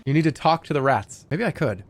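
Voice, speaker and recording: A man live-streaming a video game, reading the game text aloud and thinking out loud in an animated, wry way. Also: on the high side, fairly quick, soft background music.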